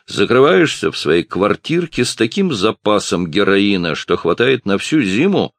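A man voicing a big, loud, mocking man who taunts others in an audiobook. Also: fairly low pitch, very animated, moderate pace, dry recording, voice pushed up. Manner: jeering, raised voice.

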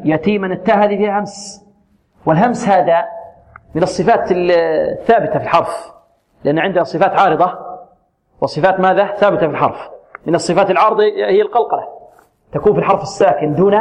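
A man teaching Quran recitation, modelling letters and syllables slowly and repeating them, and posing questions to his students. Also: high-pitched, darkish tone. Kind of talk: tajweed lesson with recited examples. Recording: muffled lo-fi recording.

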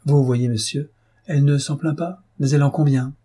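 A man's voice: on the high side, steady tone, moderate pace, dark tone, husky, pitched above the performer's own voice. A man reading aloud and voicing a gracious, talkative elderly baroness with fussy, affected politeness.

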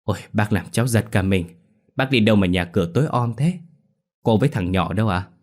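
Chill young guy, low voice, reassuring, storyteller doing him. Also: lively intonation, fairly quick. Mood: polite. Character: young man, easygoing and reassuring.

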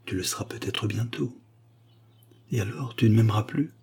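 A man's voice: lowish voice, steady tone, moderate pace, husky. A man voicing a brooding, reluctant young lover in an audiobook, speaking in murmurs. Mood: hushed. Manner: hushed and murmured.

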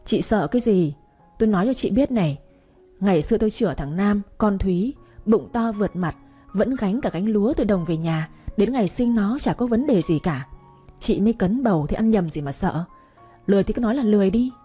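A woman's voice: mid-range voice, lively intonation, a little fast, husky, faint music behind. A woman voicing a harsh, scolding older mother-in-law in a storybook reading. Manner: sharp, scolding, dismissive.

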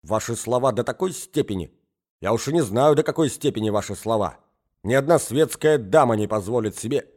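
A man reading an audiobook, voicing an anxious young gentleman who reasons persuasively and gets flustered. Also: medium pitch, expressive, a little fast, close to an everyday voice. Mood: indignant. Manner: reasoning, smooth then flustered.

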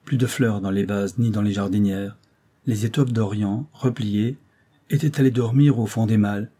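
A man narrating a classic novel as an audiobook, telling the story in an even, unhurried way. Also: fairly low pitch. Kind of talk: scripted literary narration.

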